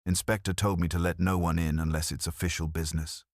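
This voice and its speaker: A man's voice: low-pitched, flat delivery, quick pace, no echo, studio quality. A man voicing a drowsy young village constable in an audiobook, muttering.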